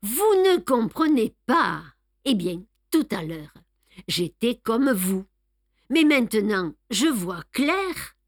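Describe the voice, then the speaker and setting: Hercule Poirot, brisk and bossy, as a woman reader puts him on. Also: on the high side, very animated, no room sound, clean studio sound, full character voice. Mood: triumphant. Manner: brisk, commanding, exclamatory. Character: fussy excitable older male detective. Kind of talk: audiobook reading with voiced dialogue.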